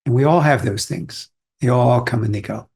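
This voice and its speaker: Husky-voiced man giving a calm Zen talk. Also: mid-range voice, moderate pace. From Austria. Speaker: Zen teacher. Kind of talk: dharma talk.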